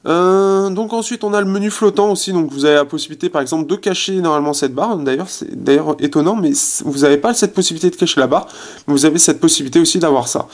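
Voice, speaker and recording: A man giving a casual phone review in his apartment, chatty and full of fillers, trailing off as he tests features. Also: on the high side. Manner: chatty, many fillers, trails off while testing. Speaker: tech reviewer. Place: his apartment, resonant room.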